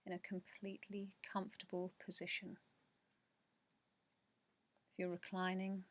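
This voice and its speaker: A meditation guide narrates a yoga nidra session, leading a relaxation practice in a low, very even voice. She speaks softly, slowly and soothingly in a measured way, leaving long pauses and letting phrases fade into breath.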